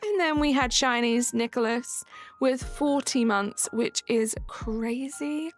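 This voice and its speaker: She's a young woman streaming a game live, talking casually and responding to chat from viewers while she plays. Her voice is fairly high, and she takes things slowly over faint background music.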